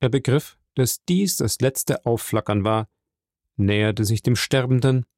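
A man reading a classic novel aloud as an audiobook narrator, in a measured way. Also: medium pitch, darkish tone, no room sound, clean studio sound. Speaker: audiobook reader. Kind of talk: scripted narration.

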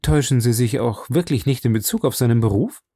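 A calm, shrewd detective reasons aloud, as a man reads the story. His voice is lively in pitch, with a gravelly grain, and sounds dry and close. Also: no room sound. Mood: thoughtful. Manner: measured, thoughtful, quietly probing.

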